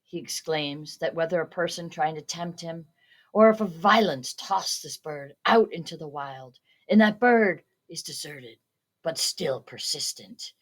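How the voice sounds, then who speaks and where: A young woman, a student in her teens or young adulthood, reads aloud a scripted retelling of a story that includes quoted dialogue. Her voice is low-pitched and her pace measured.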